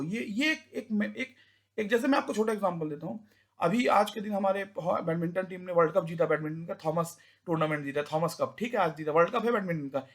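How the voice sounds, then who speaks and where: With a high, fairly bright voice, a young man gives a rambling informal talk full of restarts and repeated words. Every so often he adopts a rough, rustic voice to imitate village elders.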